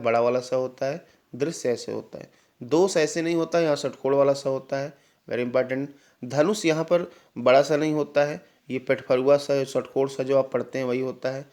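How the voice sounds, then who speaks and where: A man's voice: mid-range voice, a little mellow. A young man teaching an online exam-prep lesson, explaining patiently, checking understanding with little affirmations and calling students "brother". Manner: addresses students directly, sometimes calling them "भाई".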